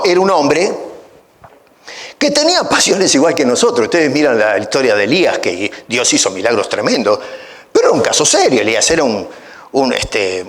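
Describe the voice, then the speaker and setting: A male pastor delivering a sermon in an animated, swooping voice that climbs sharply on key words. He talks through the passage with rhetorical questions and casual asides to the congregation. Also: medium pitch. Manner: emphatic rises on key phrases. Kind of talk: expository sermon.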